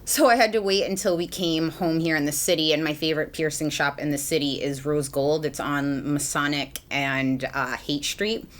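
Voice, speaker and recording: Young woman rambling through her makeup, low voice, lots of ums and likes. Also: fairly even intonation, moderate pace, few pauses. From Massachusetts. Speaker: beauty vlogger. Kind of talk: casual get-ready-with-me chat.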